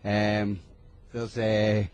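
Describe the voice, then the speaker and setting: A man's voice: fairly low pitch, completely flat delivery, extremely slow, lo-fi sound, a crowd in the background. A Scottish man guesting in a radio studio, chatting casually and rambling with lots of ums and restarts. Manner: rambling, hesitant, with many fillers and restarts. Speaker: music producer guest. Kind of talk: casual radio interview chat.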